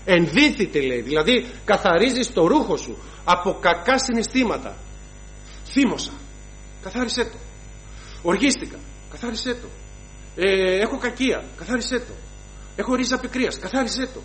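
High-voiced preacher giving an emphatic sermon. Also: male voice, very animated, long pauses, a bit bright, a little hiss or hum, low-quality recording. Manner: emphatic, lists sins in rhythmic runs, addresses congregation as brothers.

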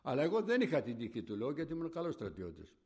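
Gravelly older man telling old stories. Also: medium pitch, huge pitch swings, a little mellow. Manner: rambling, conversational, acts out remembered dialogue. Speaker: storyteller recalling army service. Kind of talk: rambling oral-history storytelling.

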